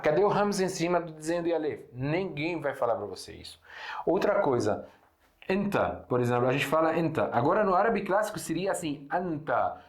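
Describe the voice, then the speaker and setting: A young Syrian man, a native Arabic speaker, teaches an online Portuguese lesson with an Arabic accent, his voice on the high side. He explains patiently, poses rhetorical questions to himself and corrects himself often. The room sounds echoey.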